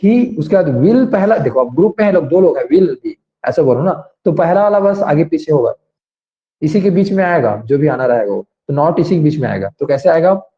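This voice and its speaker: A man teaching grammar in an online class, explaining slowly and asking students to raise their hands. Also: fairly high pitch, lively intonation. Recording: dull lo-fi sound.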